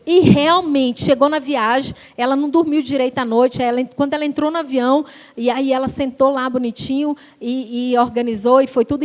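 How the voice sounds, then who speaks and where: A Brazilian Portuguese woman preacher telling lively personal stories in a church sermon, acting out the voices of the people in them. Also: high-pitched. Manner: animated storytelling, acting out quoted voices.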